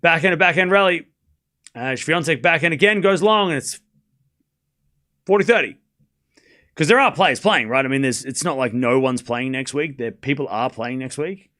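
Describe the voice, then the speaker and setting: A man hosts a live sports watchalong in a hoarse, smoker's rasp. His voice sits a bit high and cuts through brightly and forcefully. He calls play informally and repeats himself between chats with viewers. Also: normal speed, pauses often. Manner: informal, repeats scores and phrases. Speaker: host of a live tennis watchalong. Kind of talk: casual live sports commentary and chat with viewers.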